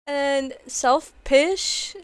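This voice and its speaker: A woman livestreamer chatting casually to her viewers in a playful, giggly, excitable gamer-girl manner. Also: high-pitched, extremely slow. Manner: excitable, exclamatory.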